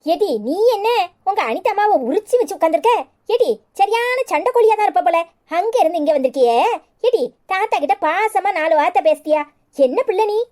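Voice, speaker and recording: A woman's voice: very high voice, animated, brisk, a little mellow. A woman voicing a fond, teasing old village grandmother with a Kanyakumari Tamil accent in a cartoon. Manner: teasing, scolding-affectionate.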